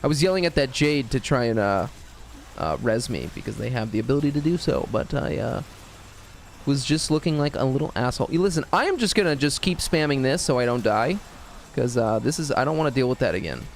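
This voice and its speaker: A man's voice: mid-range voice, expressive, a little fast, creaky, a little hiss or hum. A man streaming a game, chatting casually in a rambling, hesitant way with many fillers and swearing at the game. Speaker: gaming streamer. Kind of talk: casual live-stream chat while gaming.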